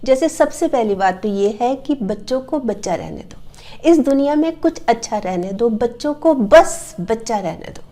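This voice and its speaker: A woman's voice: a little high, animated, normal speed, warm tone. A middle-aged woman talking earnestly to the camera as a parenting advice host, repeating her key points and acting out scolding parents. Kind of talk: casual advice talk to camera.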